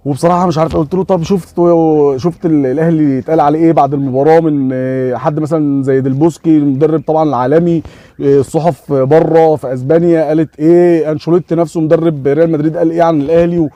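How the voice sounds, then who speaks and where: A man's voice: fairly high pitch, racing, no room sound. A man with an Egyptian Arabic accent telling a funny everyday story, acting out each friend's lines in quoted dialogue. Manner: animated retelling with quoted dialogue and repeated "ya 3am" fillers. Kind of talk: casual story told to camera.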